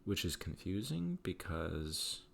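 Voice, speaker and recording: A man's voice: low-pitched, very animated, slow pace, creaky. A man giving a casual, rambling spoken review of a TV episode, candid and opinionated, with many fillers.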